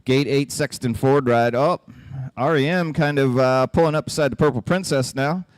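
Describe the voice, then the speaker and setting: A man's voice: medium pitch, moderate pace, smooth, dry recording. A man announcing live races with folksy, joking play-by-play, his voice starting to crack. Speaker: track announcer. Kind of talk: live race commentary.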